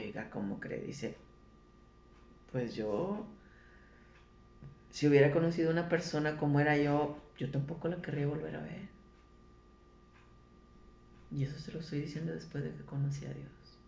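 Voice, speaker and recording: A woman's voice: low-pitched, vocal fry, mellow, echoey room, lo-fi sound, slight background noise. A woman who tells a spoken testimony story and dramatically voices the people in it. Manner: dramatic retelling, voicing others in quotes.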